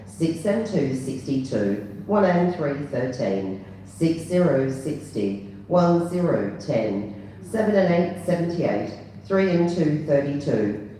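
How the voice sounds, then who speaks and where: A woman working as a bingo caller, announcing numbers digit by digit in a measured, formulaic rhythm with falling endings. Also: low-pitched, warm tone. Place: large echoing bingo hall. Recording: echoey hall, distant PA sound, faint noise.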